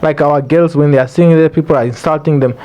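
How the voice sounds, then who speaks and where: Mellow-voiced Namibian man explaining earnestly. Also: on the high side, fairly even intonation, fast. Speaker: podcast guest. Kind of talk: casual explanatory interview talk.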